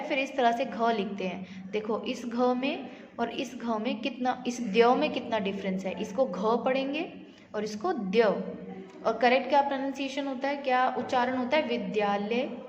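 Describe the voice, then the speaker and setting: A woman's voice: on the high side, normal speed, a little mellow. A woman teaching a grammar lesson, asking her students questions and then answering them herself, with English words mixed in. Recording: echoey room, slightly dull audio.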